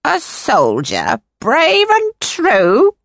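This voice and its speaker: A woman voicing a gruff, scornful old female fortune-teller who speaks slowly and cryptically. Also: high voice, wildly swooping pitch, fairly bright tone, dry recording, studio quality, voice pushed up, full character voice.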